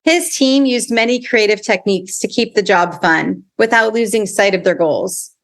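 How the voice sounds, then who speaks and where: A woman hosting a podcast, reading a prepared introduction and then chatting in a bright, upbeat way. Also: mid-range voice, moderate pace. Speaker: podcast host. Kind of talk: scripted intro, then casual interview.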